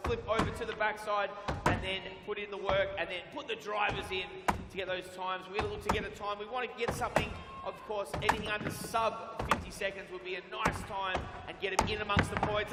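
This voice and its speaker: Male Australian sports MC, crowd-hyping and upbeat, big reverberant venue sound with music behind. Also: high voice. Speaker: event MC and commentator. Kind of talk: live sports event hosting and commentary. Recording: echoey PA in large event venue.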